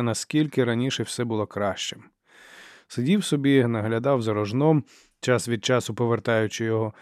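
A man narrating a fantasy audiobook in measured, even storytelling. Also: medium pitch, dry recording, clean studio sound. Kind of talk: scripted narration.

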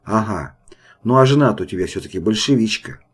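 A man reading an audiobook, voicing a brutal red-haired sergeant who shouts threats and sneers. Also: lowish voice, animated, a little fast, slightly rough. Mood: sneering.

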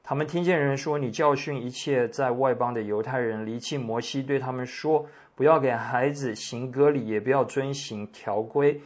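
A man preaching a sermon, reading scripture in a measured, deliberate way with pauses. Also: medium pitch. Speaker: pastor. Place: church meeting room.

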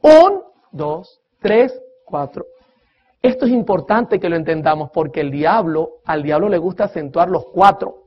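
A man's voice: on the high side, brisk, few pauses, a little hiss or hum. Emphatic male preacher, lo-fi. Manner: emphatic, asks the audience questions, counts beats aloud. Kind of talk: sermon lecture on music. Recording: dull lo-fi recording.

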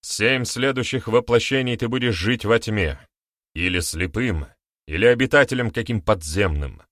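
A man reading the part of a calm male sorcerer-priest who speaks evenly and solemnly. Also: on the low side, moderate pace, no echo, clean studio sound. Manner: even and solemn.

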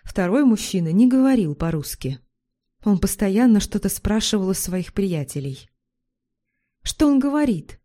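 A woman narrating a first-person story in an even, confessional tone. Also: medium pitch, normal speed.

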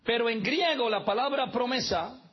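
A man's voice: very high-pitched, moderate pace, husky, lo-fi sound. A man preaching a sermon as pastor, mixing humorous asides with teaching and spelling out words letter by letter.

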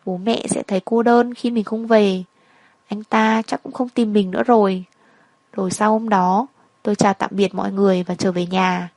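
A woman narrates a sorrowful first-person story in a reflective, unhurried way. Her voice sits at a middle pitch. The recording is dry and close, with no room sound. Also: darkish tone, dry recording.

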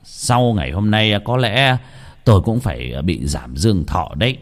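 A man voicing an elderly male village exorcist who speaks haltingly, pausing often with drawn-out filler sounds. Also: lowish voice, expressive, lightly acted. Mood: grave. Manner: halting, filling pauses with drawn-out "à".

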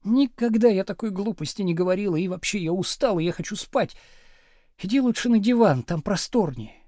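A man's voice: sits high, lively intonation, brisk, dry recording, studio quality. A man reading an audiobook, voicing a bitter, scornful young wife who scolds sharply. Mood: cold, weary. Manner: sharp, scolding, shouting at times.

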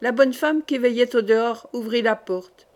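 A woman reading a classic novel aloud in a measured, dramatic way. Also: fairly high pitch. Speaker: audiobook narrator. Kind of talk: scripted narration.

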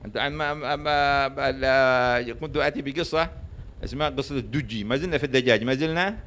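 A man's voice: mid-range voice, a little fast, a bit bright, slight background noise. A man giving a sermon, telling jokes and stories and constantly asking his listeners rhetorical questions to prompt their answers. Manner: storytelling with jokes. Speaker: religious lecturer.

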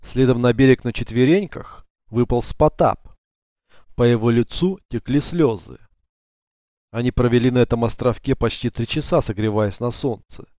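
A male audiobook narrator with a dark, mellow timbre who tells the story in an even, measured way. He sits close to the mic in a dry, dead booth with nothing behind him. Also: medium pitch, dry recording. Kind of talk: scripted narration.

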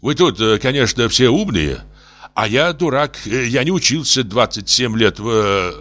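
A man's voice: medium pitch, animated, normal speed, fairly bright tone, voice pushed up, close to an everyday voice. A man voicing a simple, blunt plumber who barks orders in plain words.

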